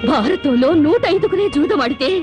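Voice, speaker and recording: A woman's voice: high voice, lively intonation, fairly quick. An actress playing a wronged young wife who reproaches her gambling husband with sarcasm, in a film drama. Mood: scolding. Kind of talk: Telugu film drama acting. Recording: film soundtrack with music behind.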